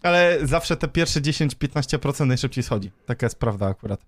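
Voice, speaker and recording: A man's voice: mid-range voice, expressive, brisk, no room sound. A man hosting a podcast, talking casually about tech in a conversational way. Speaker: podcast host.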